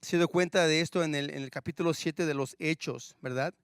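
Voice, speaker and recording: A man with a high-pitched voice preaching a sermon, heard close and dry with little room sound. He keeps turning to the congregation with rhetorical questions and calls them brother. He swings between loud, emphatic declarations and hushed, low asides. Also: fairly even intonation, fairly quick, clear, resonant tone, no echo. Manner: addresses listeners as brother, frequent rhetorical questions. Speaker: pastor.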